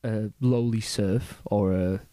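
A man's voice: fairly low pitch, fairly even intonation, slow, dark tone, dry recording, clean studio sound. A man casually explaining history on a podcast, rambling and swearing, with many restarts. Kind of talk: casual chat.

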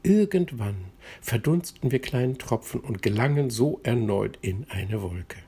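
A man's voice: mid-range voice, lively intonation, a little slow, mellow, slightly rough, voice pushed up, exaggerated voice. A man voicing a cheerful, knowing male water drop who explains things to his friend in a bedtime story.

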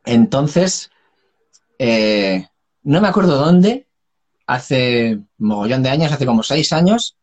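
A man with a medium-pitched voice takes his time in a casual chat, a singer and dub voice guest. He's a lively storyteller who laughs and swears freely.

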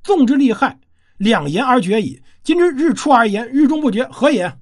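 A fierce retainer from an ancient court hurls his words in loud, formal declamation, voiced by a storytelling narrator. The voice is husky and swings widely in pitch. Defiance runs through every phrase. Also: big pitch swings, normal speed. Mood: defiant. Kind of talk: declaiming classical speech in storytelling.

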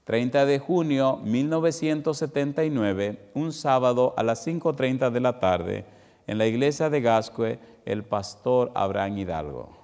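A middle-aged man with a Dominican accent preaches a heartfelt testimony from the pulpit. His voice swells with emphasis, then sinks low and soft. Long reverb trails every phrase through the church hall. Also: expressive, unhurried. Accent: Dominican Spanish. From Dominican Republic. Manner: emotional, emphatic, with sudden drops to quiet. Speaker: pastor. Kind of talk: testimonial sermon.

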